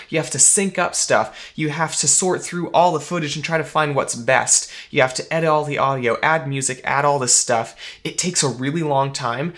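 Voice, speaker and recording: A young man in his twenties explaining video editing in a casual vlog, upbeat and running quickly through lists of steps, recorded in a home studio room. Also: on the high side, fairly bright tone. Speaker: video editor and vlogger.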